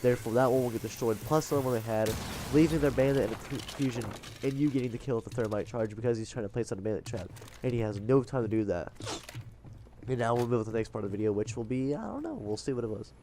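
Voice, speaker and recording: Over game footage, a gaming video host with a congested, blocked nose breathes through his mouth while giving casual, rambling gameplay tips. His medium-pitched voice is expressive and fast, with a noisy background.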